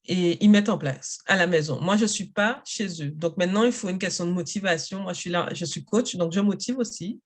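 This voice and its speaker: A woman, a native English speaker, talking in a casual interview about coaching parents and adults in English, in an energetic and emphatic way. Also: fairly low pitch, fairly quick, few pauses. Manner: energetic, emphatic, self-assured.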